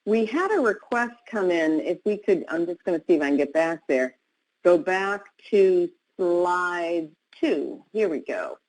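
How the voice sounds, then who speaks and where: A woman moderating a webinar question session over a video call, brisk and friendly. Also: on the low side, animated, a little mellow, rough recording. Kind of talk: hosting a webinar Q&A.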